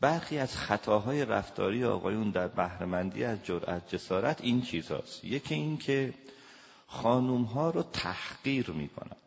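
A man lecturing as a family counselor, talking in a lively way and acting out little dialogues with raised voices. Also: lowish voice, vocal fry. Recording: dull lo-fi recording with long reverb.

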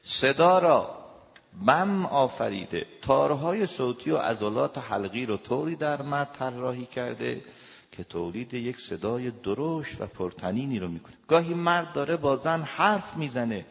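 Lively lecturing man in a reverberant hall. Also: medium pitch, gravelly. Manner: lively, acts out little dialogues with shouted voices. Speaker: family counselor and lecturer. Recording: dull lo-fi recording with long reverb.

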